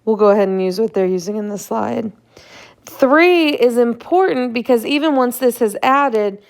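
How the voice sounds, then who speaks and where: A woman's voice: fairly high pitch, a little mellow, clean tone. A young woman who is a chemistry instructor, giving a casual recorded lecture over slides, a bit tired and yawning, with fillers and checks like "right?".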